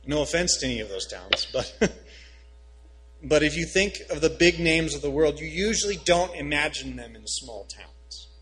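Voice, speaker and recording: A man, a pastor reading scripture and preaching a sermon, rising in pitch and volume on key phrases. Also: animated, measured pace, fairly bright tone, low-quality recording.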